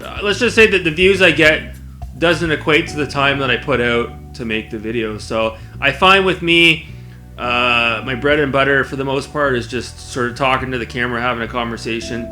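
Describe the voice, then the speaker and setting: A man with a bright, forward voice talks casually as a video blogger. He rambles conversationally at an average pitch, with faint music around him. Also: normal speed. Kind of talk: casual spoken vlog to camera.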